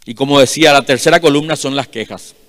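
A male pastor, preaching loudly and emphatically, rising and falling in volume. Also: medium pitch, quick pace. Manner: loud, emphatic preaching with sudden swells and drops. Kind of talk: sermon. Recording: long hall reverb.

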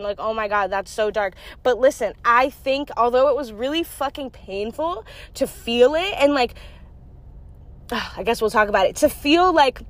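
A woman's voice: fairly high pitch, a bit bright. A young woman talking candidly to her viewers in a blunt, profane, confiding way. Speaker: vlogger. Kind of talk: candid monologue to camera.

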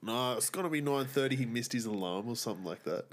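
A man's voice: medium pitch, animated, fast. Dry-witted male podcast co-host. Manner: dry short quips and prompting questions. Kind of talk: casual chat.

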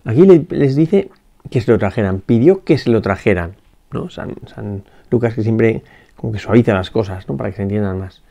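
A priest giving a spoken gospel meditation, reflective, pausing often with little questions to the listener. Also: male voice, lowish voice, animated, creaky, dark tone, muffled recording. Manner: reflective, with frequent "¿no?" tags and restarts.

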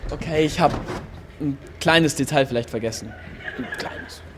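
A man's voice: on the high side, normal speed, noisy background, close to an everyday voice. An actor playing Peter as a cheeky, boastful fisherman in a chatty, self-mocking comic monologue. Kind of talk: comic first-person monologue. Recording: music playing underneath.

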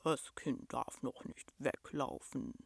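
A huge, gentle, furry cave monster from a storybook, as a woman puts it on. It rumbles deep and slow, halting over simple words. The sound is close and dry. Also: big pitch swings, gravelly, slightly rough, dry recording, in a whisper, heavily acted. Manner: slow, halting, speaks of others in third person.

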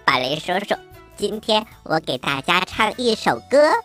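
Croaky and bright, this is a playful little frog character for a children's story. The frog voice swings wildly up and down in a bouncy cartoon way, with music underneath. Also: male voice, high voice, sing-song, moderate pace. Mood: cheerful. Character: playful little green frog, helpful companion and singer.

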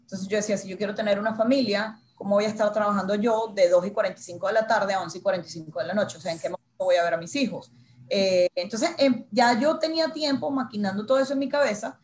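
A woman in her thirties, a journalist, telling her own career story as an interview guest and acting out her inner dialogue with animated quoted lines. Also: mid-range voice, fast talker, a little hiss or hum. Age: 30s.

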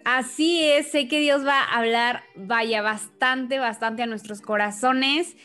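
A woman's voice: a little high, steady tone, slow, sharp tone, smooth, soft background music. A woman hosting a faith podcast and interviewing a guest in an upbeat, chatty way. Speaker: podcast host.

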